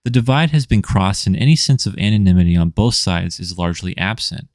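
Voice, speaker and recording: A man reading his own scripted video essay in a measured, rhetorical way, stacking lists and questions. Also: deep voice, animated, darkish tone, no room sound, studio quality. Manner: measured, rhetorical, list-like delivery. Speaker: indie comics writer and channel host.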